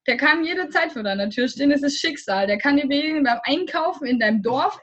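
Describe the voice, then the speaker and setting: A young woman from Germany with a high, bright-sounding voice talks in a loose, rambling way, full of fillers and little laughs. The recording is slightly dull and lo-fi. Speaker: guest. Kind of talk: casual interview chat.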